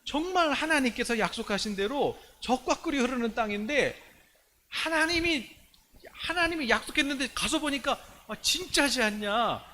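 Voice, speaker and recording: A man voicing two bold scouts who urge the people on with eager, rousing shouts. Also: very high voice, expressive, normal speed, a little hiss or hum, pitched above the performer's own voice, exaggerated voice. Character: two bold young male scouts, fired up.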